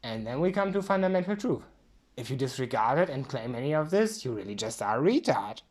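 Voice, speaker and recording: A woman's voice: very deep voice, big pitch swings, a little fast, a little mellow. A woman giving a drunk, rambling philosophical monologue, emphatic and repeating herself.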